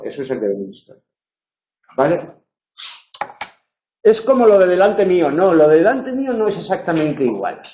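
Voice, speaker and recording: A man with a fairly high-pitched, dark-toned voice leads a live online university tutorial, explaining patiently and often checking in with "eh" and "¿vale?" The recording sounds dull and lo-fi, with an echoey room.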